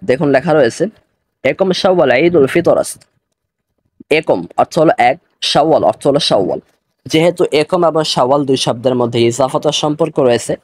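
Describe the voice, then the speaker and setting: Man teaching slowly, dry close sound. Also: on the high side, a little mellow, no echo. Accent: Bangladeshi Bengali. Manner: slow, careful, repeats pronunciations. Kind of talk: online language lesson.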